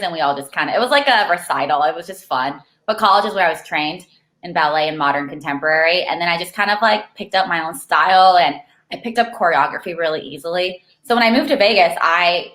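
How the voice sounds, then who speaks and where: In a low, slightly bright voice, a young woman originally from Argentina and raised in California chats casually as a guest. She's talkative, says "like" constantly, and laughs easily, with the room audibly echoing.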